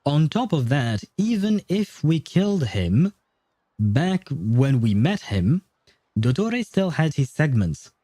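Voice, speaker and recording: With big pitch swings in a fairly high, dark-toned voice, a man talks slowly while livestreaming a video game, rambling informally through casual chat and commentary with mild swearing. His indoor setup is dry with no room sound, and faint game music runs underneath.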